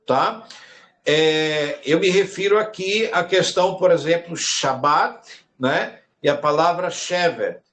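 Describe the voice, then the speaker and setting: A man teaching a Hebrew lesson, slow and repetitive. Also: fairly high pitch, a bit bright. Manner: slow, repeats words while explaining. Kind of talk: recorded online lesson.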